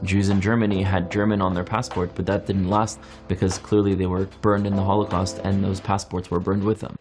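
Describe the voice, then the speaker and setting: A young man born in France speaks in an earnest, reflective monologue. His deep, low voice moves through rhetorical questions and long, evenly paced lists. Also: little pitch movement, brisk, over music.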